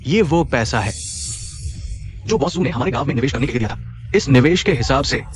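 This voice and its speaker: A man's voice: medium pitch, expressive, a little fast, music in the background, close to an everyday voice. A man dubbing a scheming village headman in a drama, speaking in an indignant, blustering way. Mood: lecturing. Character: scheming male village headman, quick to anger. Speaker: dubbing actor. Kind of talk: dubbed drama acting.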